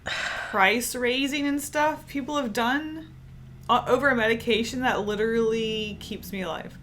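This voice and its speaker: A woman co-hosting a casual podcast, relaxed and chatty, laughing easily. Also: fairly high pitch, a little slow. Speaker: podcast co-host.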